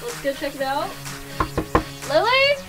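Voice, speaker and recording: A woman's voice: high-pitched, big pitch swings, a little slow, over loud music. A young woman chatting in a giggly, light-hearted way as a crew member aboard a sailboat. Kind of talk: casual vlog. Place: aboard a sailing catamaran.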